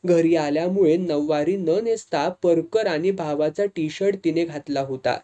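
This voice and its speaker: A narrator reading a serialized novel aloud in measured, first-person storytelling. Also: male voice, fairly high pitch, warm tone. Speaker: audiobook narrator.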